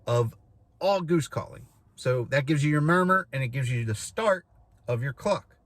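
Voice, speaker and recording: A man's voice: mid-range voice, no echo. Casting: male instructor, mid-range voice, casual step-by-step teaching with repeated phrases, recorded dry inside a vehicle. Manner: explanatory, repeats key phrases and demonstrates with short syllables. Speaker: goose calling instructor. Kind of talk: informal instructional demonstration.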